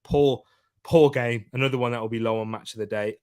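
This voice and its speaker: Fairly quick and smooth, this man's mid-range voice carries a steady, somewhat dark tone. As host of a casual football preview live stream, he keeps things chatty, reading viewer comments aloud and joking around with them.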